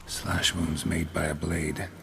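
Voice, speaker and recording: A grizzled monster hunter from a video game, with a very deep, gravelly voice. He talks in short, clipped, unhurried lines, and a faint hiss of background noise sits under him. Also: little pitch movement, fairly bright tone, exaggerated voice. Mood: stern, laconic. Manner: terse, clipped. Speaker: witcher.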